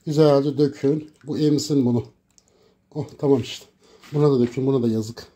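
A man recording a cooking vlog in his home kitchen, talking dramatically to viewers and breaking into loud, theatrical insults. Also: medium pitch, steady tone, normal speed. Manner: dramatic, shouts insults, addresses viewers as "canlarım". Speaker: cooking vlogger.

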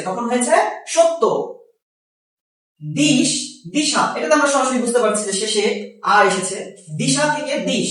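Bangladeshi guy teaching grammar, slow and repetitive, super echoey room, sounds far off the mic. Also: very high voice, fairly bright tone. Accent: Bangladeshi Bengali. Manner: slow and explanatory, repeats each example. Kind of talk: grammar lesson.

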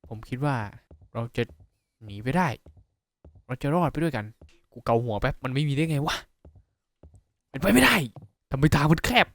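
A man giving casual, profane commentary on a horror game, yelping when startled and dropping to a hush while sneaking. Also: medium pitch, normal speed, gravelly, pauses often, no echo, studio quality. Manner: excitable, swears a lot, yelps when startled; drops to a hushed voice while sneaking. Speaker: gaming YouTuber.

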